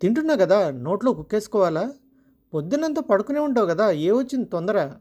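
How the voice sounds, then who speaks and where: A narrator putting on a sarcastic, short-tempered husband. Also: male voice, high-pitched, expressive, unhurried, darkish tone, exaggerated voice. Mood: angry sarcastic. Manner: scolding, mocking.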